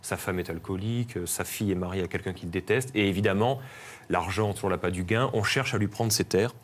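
Low-voiced man reviewing films on TV. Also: brisk. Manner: enthusiastic, recommending. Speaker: film columnist. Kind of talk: TV studio film review. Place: TV studio.

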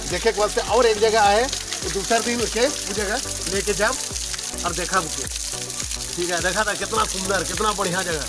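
A young man talking enthusiastically about the scenery at a waterfall while a friend films him on a phone outdoors. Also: high voice. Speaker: friend on the hike. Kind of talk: casual outdoor chat.

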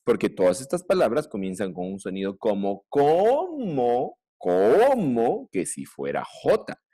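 A man's voice: mid-range voice, wildly swooping pitch, measured pace, mellow. A man teaching a primary school English class online with a Peruvian Spanish accent, drilling pronunciation through repetition. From Peru.

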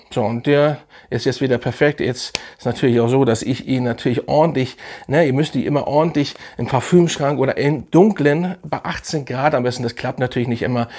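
A man's voice: mid-range voice, brisk, a little mellow. A young man casually reviewing fragrances in a vlog, enthusiastic and slangy, rambling with fillers.

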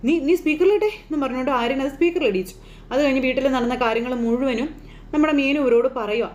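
Chatty woman recapping a serial, higher voice. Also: a little hiss or hum. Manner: chatty retelling that voices quoted lines inline. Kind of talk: casual spoken recap of a TV serial episode.

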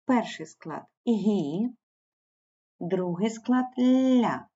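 A woman's voice: medium pitch, expressive, extremely slow, warm tone, husky, muffled recording. A woman teacher giving a primary school language lesson, patiently spelling out sounds and syllables. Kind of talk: slow explanatory online lesson.

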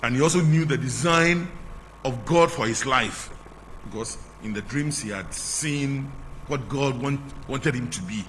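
A middle-aged man with a Ghanaian English accent, a canon reading the gospel and preaching, in measured phrases that fall at the ends, through a lectern microphone at a church altar. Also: medium pitch, a bit bright. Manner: measured, drawn-out phrasing with falling line endings. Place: large church sanctuary at the altar. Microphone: lectern microphone, face mask on. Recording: long church reverb, faint hum.

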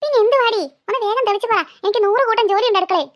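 A woman's voice: very high-pitched, very fast. A woman voicing a busy, short-tempered mother in a cartoon who scolds her two daughters. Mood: scolding. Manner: scolding, exasperated. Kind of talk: cartoon voice acting.

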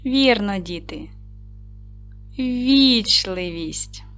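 A woman teaching an online lesson to young schoolchildren, speaking slowly and clearly in an encouraging classroom manner. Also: mid-range voice, expressive, a bit bright.

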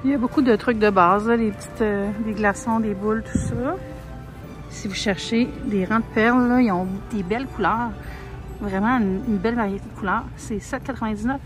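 A woman's voice: mid-range voice, moderate pace, rough recording. Chatty Québécois woman shopping. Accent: Québécois French. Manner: chatty, lots of fillers, soft asides. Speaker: vlogger. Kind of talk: casual shop-with-me narration. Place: large grocery store, indoors. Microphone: handheld phone camera. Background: faint store music.

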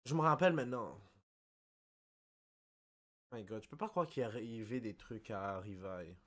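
A young man with a Québécois French accent giving casual reaction commentary, excitable and apologetic, blurting out English exclamations. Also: on the low side, moderate pace. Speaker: anime reaction YouTuber.

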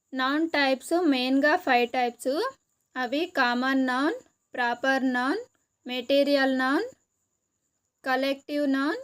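A woman with a Telugu accent teaching an exam-preparation lesson, listing terms slowly one by one. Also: sits high, a bit bright, smooth.

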